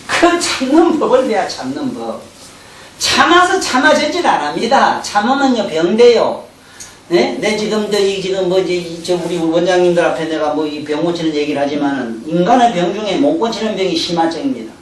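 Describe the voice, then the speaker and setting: A Buddhist teacher gives a colloquial, animated sermon, often acting out everyday talk and laughing. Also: mid-range voice, normal speed. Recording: roomy hall from a distant mic, faint hum.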